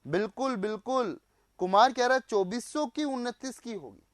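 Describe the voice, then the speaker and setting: A man's voice: very high-pitched, normal speed, dry recording. A male teacher running a live online class, quizzing students, repeating their answers back and mixing in English phrases.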